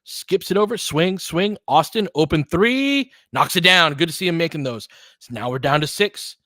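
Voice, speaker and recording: The recording is clean studio sound, dry, of a man with a slightly high, sharp, expressive voice speaking at normal speed. He hosts casual live basketball play-by-play as a fan, switching between chatty asides and clipped calls of the action.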